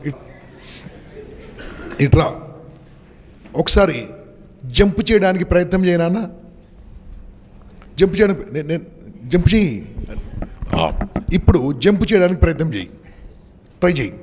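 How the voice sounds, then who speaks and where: Brief: high-pitched male motivational speaker, commanding and rousing, long hall reverb. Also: a little mellow. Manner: commanding, rousing, mixing English into Telugu. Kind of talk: motivational seminar talk to students.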